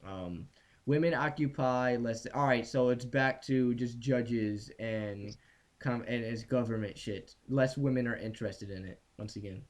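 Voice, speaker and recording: Young guy podcast host, cursing and ranting, reads a list out loud. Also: mid-range voice, unhurried. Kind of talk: casual podcast banter.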